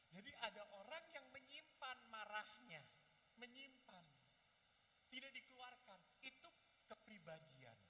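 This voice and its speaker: Animated priest in a reverberant hall. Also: male voice, high-pitched. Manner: animated, jumps into voices of people in his stories. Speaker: priest giving a youth talk. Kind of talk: lively youth talk with acted dialogue. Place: hall at a youth gathering.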